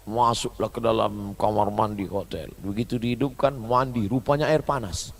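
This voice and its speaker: A man giving a humorous sermon, swinging between loud high bursts and soft low asides as he mimics foreign phrases. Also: normal speed, gravelly. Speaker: preacher.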